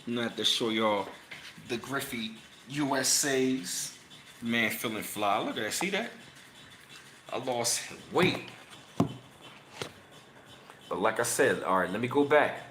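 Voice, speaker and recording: A man in his thirties hosting a casual livestream, chatting with viewers in slangy talk and reading passages aloud, his voice jumping high whenever he gets emphatic. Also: measured pace, long pauses, roomy sound, a little hiss or hum. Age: 30s. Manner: excitable, voice jumps high when emphatic, slangy. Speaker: channel host.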